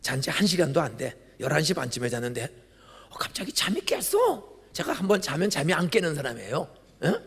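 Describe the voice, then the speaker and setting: An older man, a pastor, giving a dramatic sermon full of storytelling, acted-out dialogue and sudden loud outbursts. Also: a little high, expressive, quick pace, vocal fry, husky. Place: large church sanctuary. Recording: church hall reverb.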